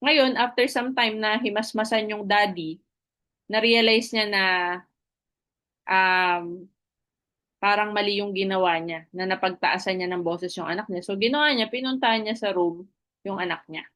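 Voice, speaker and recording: A woman's voice: mid-range voice, moderate pace, long pauses, fairly bright tone. Persuasive woman presenter, many tag questions. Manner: keeps checking in with listeners through tag questions; switches freely between two languages mid-sentence. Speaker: network marketing presenter. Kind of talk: motivational recruitment talk with a story.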